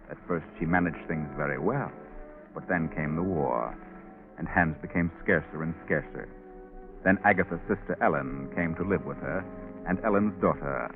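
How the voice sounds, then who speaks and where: An actor playing an ominous, mysterious night-walking storyteller, narrating theatrically in 1940s radio style. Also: male voice, deep voice. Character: the Whistler, ominous mysterious male storyteller who walks by night. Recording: tinny 1940s radio broadcast. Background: music.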